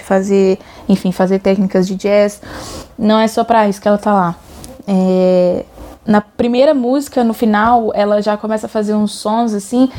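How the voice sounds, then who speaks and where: Mellow-voiced Brazilian woman discussing music. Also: medium pitch. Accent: Brazilian Portuguese. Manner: chatty, frequent "sabe?" tags, searching for words.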